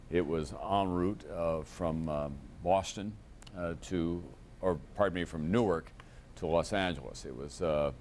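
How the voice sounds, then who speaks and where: Deep-voiced male news anchor on old VHS tape. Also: a little hiss or hum. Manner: measured, grave, with frequent pauses and fillers. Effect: old VHS tape recording of a TV broadcast. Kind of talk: live breaking-news anchoring.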